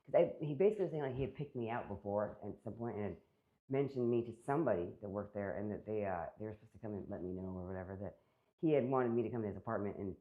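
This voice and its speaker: A woman's voice: extremely low pitch, fast talker. A woman being interviewed, recounting a personal story in a rambling way, full of fillers and quoted back-and-forth. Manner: rambling, filler-heavy retelling with many quoted exchanges. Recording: phone-like narrow band.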